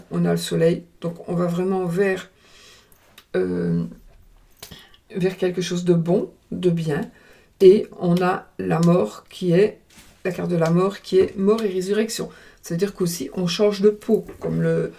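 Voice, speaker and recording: Gravelly, mellow woman with a regional French accent, chewing gum as she reads tarot casually. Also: lowish voice. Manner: hesitant, thinking aloud, chewing gum. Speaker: tarot card reader. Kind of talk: casual card-reading vlog.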